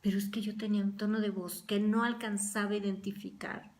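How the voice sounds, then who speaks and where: An earnest woman church teacher gives a Bible study at a mid-range pitch. She talks with conviction and slips into other people's voices to act out small arguments. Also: flat delivery, fairly quick, a little mellow. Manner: earnest, acts out everyday quarrels in quoted voices.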